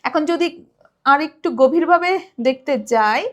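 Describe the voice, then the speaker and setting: A woman's voice: high voice, a little slow. A woman college lecturer from Bangladesh, giving a recorded lesson and explaining step by step, often asking a question and answering it herself. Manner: recites children's rhymes to show rhythm.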